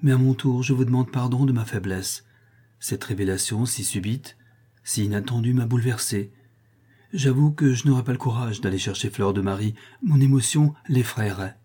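A devout young marquise in a storybook reading, voiced by a man. She speaks fervently and piously in a dark, husky tone. Her emotion stays close to the surface. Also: mid-range voice, normal speed, close to an everyday voice. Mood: earnest. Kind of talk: audiobook character voice.

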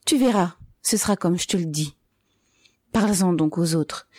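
A woman reading aloud, voicing an eager, fervent young man who talks excitedly and insists, pitched higher than her narration. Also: unhurried, no room sound, clean studio sound. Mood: eager urgent.

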